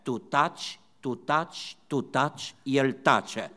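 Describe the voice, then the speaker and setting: A man preaching a sermon, repeating phrases and asking the congregation questions, dropping to quiet asides and then rising to loud, high-pitched emphasis. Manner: repetitive, rhetorical questions to the congregation. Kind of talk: church sermon.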